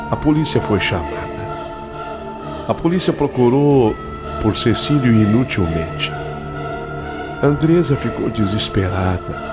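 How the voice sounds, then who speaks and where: A man narrating a spoken ghost story in a slow, dramatic storytelling manner. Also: a little high. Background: faint music.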